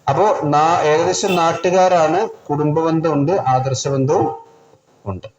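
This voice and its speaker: A man from Kerala with a Malabar accent teaching a Quran class in a home. He stretches out the verses slowly when he recites them, then explains them in quicker speech. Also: on the high side, faint music behind. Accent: Malabar Malayalam. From Kerala, India. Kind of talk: Quran recitation and tafsir lesson. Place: class held in a private home. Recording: roomy, dull lo-fi recording.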